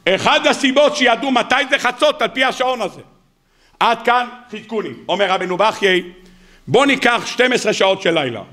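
High-voiced animated rabbi preaching. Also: male voice. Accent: Israeli Hebrew. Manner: animated, joking, asks the audience questions and answers them himself; acts out quoted speakers in a raised, mocking voice. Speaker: rabbi giving a weekly sermon. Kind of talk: lively Torah sermon to a congregation. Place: synagogue or study hall before an audience.

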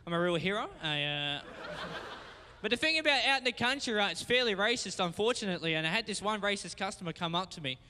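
A man's voice: high voice, expressive, quick pace. A young Australian man from rural Victoria doing laid-back, self-mocking stand-up comedy on a talent show stage. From Gippsland, Victoria, Australia. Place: big theatre stage before a live audience. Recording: reverberant hall, loud audience.

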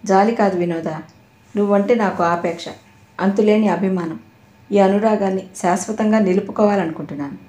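A woman's voice: mid-range voice, moderate pace, mellow, natural voice. Woman voicing an earnest pleading man. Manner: insistent, pleading. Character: earnest middle-aged man pleading his love. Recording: roomy echo.

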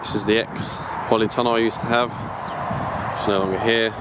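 A brisk man with a fairly low pitch rambles as he films his allotment outdoors. He's an allotment vlogger doing casual walking-tour narration, chatty and self-correcting, recorded on a handheld camera mic from his own view with steady background noise.

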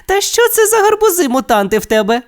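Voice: extremely high pitch, big pitch swings, fast, pitched above the performer's own voice. The narrator of a children's audio tale voicing a sly young woman crafter who teases her friend. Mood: mocking. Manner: teasing, sly.

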